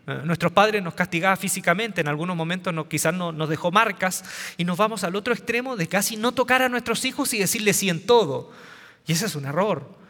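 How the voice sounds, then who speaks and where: A man's voice: high voice, a little fast, a bit bright, long reverb tail. A man giving a humorous talk on parenting, telling anecdotes with punchlines and often repeating or restarting his words. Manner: storytelling with punchlines and quoted voices. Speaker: speaker on parenting.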